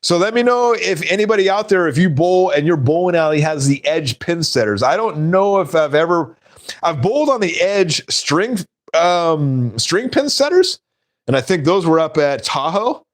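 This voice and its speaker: A man's voice: fairly high pitch, animated, moderate pace. A man hosting a casual live stream, rambling and laughing at his own stories.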